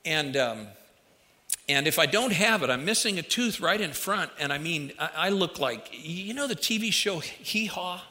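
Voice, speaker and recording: A man with a fairly high, bright voice delivers a folksy, conversational sermon straight to his listeners. His speech is slightly affected by a dental retainer he is wearing. The sound carries the long reverb of a big hall. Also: lively intonation, normal speed. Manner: folksy, direct address to listeners with anecdotes. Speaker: preacher. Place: large hall, speaking to a congregation.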